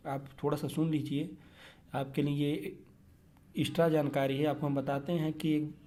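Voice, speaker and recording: A man's voice: on the high side, level tone, dark tone. A man, teaching an exam-prep lesson and explaining each question step by step, often checking in with his listeners. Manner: explains step by step, repeats "theek hai" often; reads English questions slowly, then explains in Hindi.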